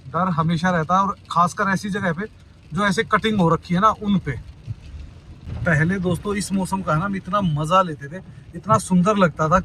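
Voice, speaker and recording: Chatty high-voiced man vlogging from a car. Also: normal speed, bright, forceful tone, slight background noise, rough recording. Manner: chatty, addresses viewers as brother, worried tone. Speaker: travel vlogger. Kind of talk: casual driving vlog commentary. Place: inside a car in traffic, outdoors around.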